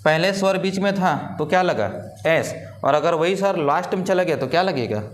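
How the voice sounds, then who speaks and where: A man's voice: on the high side, expressive, moderate pace, slight background noise. A man teaching an English grammar lesson. He asks his students questions and answers them himself. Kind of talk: classroom-style grammar lesson.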